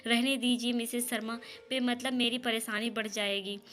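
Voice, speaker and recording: A woman's voice: a little high, little pitch movement, moderate pace, a bit bright, natural voice. A woman voicing a deceitful, self-pitying young wife who talks in a plaintive, pleading way.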